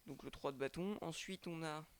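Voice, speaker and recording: Hesitant French man, gravelly voice. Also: a little high, moderate pace. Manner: hesitant, repeats words and restarts often. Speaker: tarot reader and channel host. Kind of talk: casual tarot reading to webcam. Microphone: microphone with webcam.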